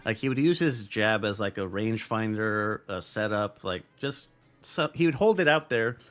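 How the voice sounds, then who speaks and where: A man's voice: on the low side, lively intonation, normal speed, a bit bright. A man co-hosting a boxing podcast in loose, profane casual chat, laughing often. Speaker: podcast co-host.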